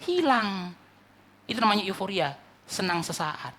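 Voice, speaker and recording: A male pastor preaching an animated sermon, often calling out to the congregation and mimicking churchgoers. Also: high-pitched, unhurried.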